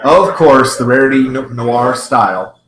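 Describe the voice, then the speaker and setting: A man's voice: medium pitch, unhurried. A man hosting a casual reaction video, commenting with gushing, repetitive fan enthusiasm. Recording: roomy echo, faint music behind.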